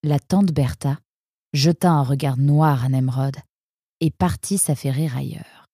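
A man narrating a storybook in a measured, steady way. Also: mid-range voice, no echo, clean studio sound. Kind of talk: storybook reading.

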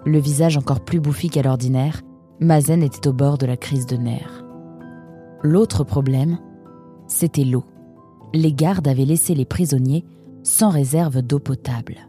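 A woman reading a children's novel aloud in a measured, even storytelling manner. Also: deep voice, faint music behind. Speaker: narrator. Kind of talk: audiobook narration.

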